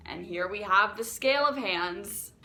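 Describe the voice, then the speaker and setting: A young woman vlogging, talking casually to camera in a rambling, animated way with self-deprecating asides. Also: mid-range voice, measured pace, slight background noise.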